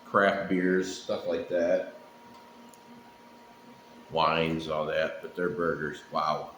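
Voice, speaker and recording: A middle-aged man with a low voice talks in a loose, rambling way. He takes his time, pausing often and speaking plainly. The room is echoey, with faint noise behind him. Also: little pitch movement, fairly bright tone. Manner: laid-back, profane, unhurried with frequent pauses. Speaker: pipe-smoking vlogger. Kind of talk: casual rambling solo chat.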